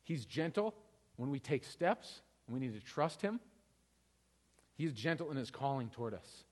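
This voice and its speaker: A man's voice: medium pitch, very animated, normal speed, darkish tone, long reverb tail. A pastor in his thirties giving a conversational sermon, often asking "right?" to the congregation. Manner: conversational, tag questions like "right?".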